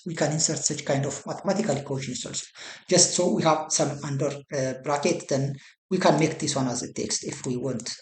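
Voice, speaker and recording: A software tutorial presenter walking through a program step by step, often hunting for words and correcting themselves mid-phrase. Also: medium pitch, reverberant. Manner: halting, searches for words, repeats "some kind of". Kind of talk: screen-recorded software walkthrough.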